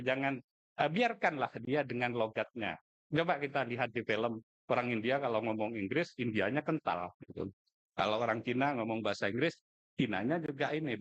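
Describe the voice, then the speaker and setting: A man's voice: medium pitch, fairly bright tone. A middle-aged man from Madura, giving an informal, joking speech at a contest. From Madura, Indonesia. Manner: chatty, joking, colloquial asides.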